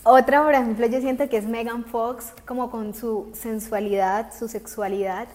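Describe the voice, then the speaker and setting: A woman's voice: on the high side, steady tone, normal speed, a little mellow. A young woman, a podcast guest who talks expressively with slang and emphasis. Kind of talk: casual podcast chat.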